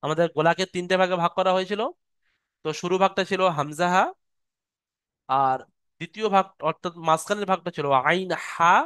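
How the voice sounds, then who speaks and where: A man teaching an online Quran recitation class over a video call. He is patient and sounds out each letter slowly and repeatedly. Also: high-pitched, a bit bright, clean tone, no echo, studio quality. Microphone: computer mic on a video call.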